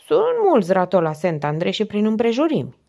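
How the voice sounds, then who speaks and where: A woman's voice: medium pitch, wildly swooping pitch, vocal fry, mellow, pitched above the performer's own voice. A woman voicing a proud, hospitable village father who eagerly explains local family ties in an audiobook.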